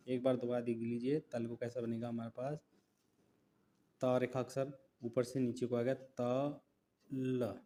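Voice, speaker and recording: Male shorthand teacher, mid pitch, slow repetitive dictation while writing. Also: a little mellow, slight background noise. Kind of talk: step-by-step writing lesson.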